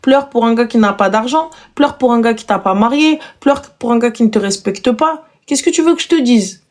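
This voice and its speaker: A woman hosting a live stream, giving blunt advice in an animated, mocking tone full of rhetorical questions. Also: fairly high pitch, fairly quick. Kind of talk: casual live stream chat.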